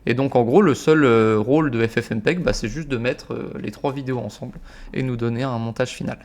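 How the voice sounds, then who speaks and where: Young male tutorial host, mid-pitched, laid-back and informal, hesitant filler-heavy delivery. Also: fairly quick. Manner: relaxed, many fillers, informal slang. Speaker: automation tutorial creator. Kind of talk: casual screen-recorded tutorial.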